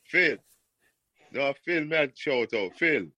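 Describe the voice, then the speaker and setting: A Jamaican man hosting a podcast, steering the casual patois talk with quick restarts. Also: on the high side, animated, sharp tone. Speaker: podcast host.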